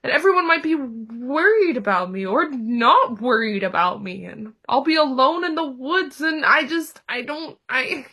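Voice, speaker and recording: A woman voicing a small, anxious piglet who is timid and self-doubting, speaking haltingly with a stammer. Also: fairly high pitch, big pitch swings, pushed and bright, heavily acted. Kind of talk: role-played therapy client in character.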